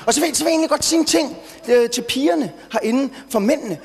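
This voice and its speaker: Young guy doing stand-up, really high voice, brash and rambly, stage mic in a big echoey hall. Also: lively intonation, vocal fry. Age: young adult. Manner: brash, rambling, stutters when worked up. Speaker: stand-up comedian. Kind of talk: live stand-up routine. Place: stage in a large hall before an audience. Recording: reverberant hall, faint noise.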